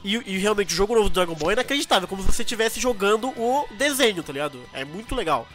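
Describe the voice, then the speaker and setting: A young man with a Brazilian accent chats casually on a podcast. He speaks rapidly in a fairly high voice, with plenty of slang and enthusiasm, over faint music. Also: expressive, fairly bright tone. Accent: Brazilian Portuguese. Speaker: podcast co-host. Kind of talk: casual chat.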